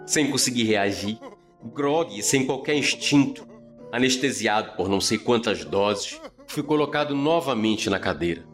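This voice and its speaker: A man narrating a scripted story podcast as its host, with a measured, theatrical delivery. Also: medium pitch, lively intonation, fairly bright tone, soft background music. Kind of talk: dramatic first-person scripted narration.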